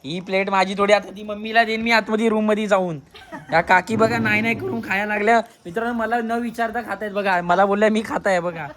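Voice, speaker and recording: A man's voice: sits high, fairly even intonation, quick pace, fairly bright tone. A man narrating a family trip vlog outdoors at night, chatty and always pointing things out to his viewers. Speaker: vlogger filming a family trip. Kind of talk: casual handheld vlog narration. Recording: music and crowd chatter behind.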